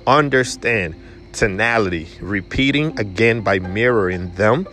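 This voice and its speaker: A man's voice: fairly low pitch, lively intonation, a little slow, pushed and bright, soft background music. A man giving a motivational sales lesson in an emphatic coaching manner. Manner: emphatic, acts out customer voices. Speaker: sales trainer.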